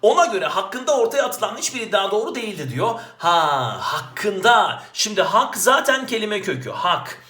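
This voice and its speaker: A man working through exam grammar questions as a teacher, asking questions and answering them himself in a lively way. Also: high voice, moderate pace, hardly any pauses. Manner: lively, talks to himself, asks and answers his own questions. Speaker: Turkish language teacher. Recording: roomy echo.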